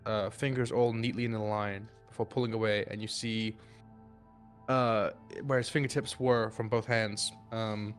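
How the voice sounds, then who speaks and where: A male game master narrating a tabletop session in a mid-pitched voice. His narration is loose and full of fillers, then rushes ahead in quick bursts. Faint music sits in the background.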